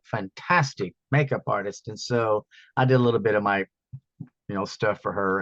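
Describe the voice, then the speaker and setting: A man, an actor and stand-up comedian, telling stories in a casual interview with an animated, rambling manner. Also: on the low side, no room sound, dull audio.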